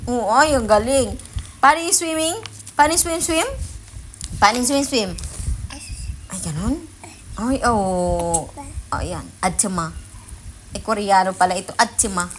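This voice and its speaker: A woman's voice: mid-range voice, animated, unhurried, pauses often, slight background noise, low-quality recording. A woman vlogging at home, coaxing her toddler in a playful way and repeating her prompts to him. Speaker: vlogger and parent.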